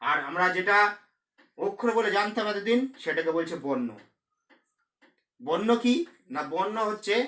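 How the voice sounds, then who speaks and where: A male teacher with a high, bright voice explains a lesson step by step. He goes slowly and repeats his key terms again and again. The room around him rings with echo. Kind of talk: recorded classroom lesson.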